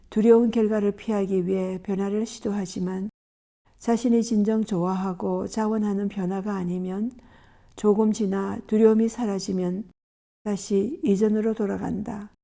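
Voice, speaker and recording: Warm-voiced woman reading calmly. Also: medium pitch, vocal fry. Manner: calm, gentle, measured reading. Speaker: reader of a faith-based self-help book. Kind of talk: scripted narration.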